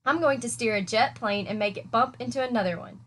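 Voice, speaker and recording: Woman doing an excitable greedy little boy. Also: fairly quick, slight background noise, natural voice. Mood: excited. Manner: excited, pleading, high.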